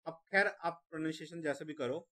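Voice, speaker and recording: A man's voice: on the high side, pushed and bright. A man teaching vocabulary for an exam, repeating each word several times and spelling it out letter by letter. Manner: repeats words slowly, spells them letter by letter. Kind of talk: exam-prep vocabulary lesson.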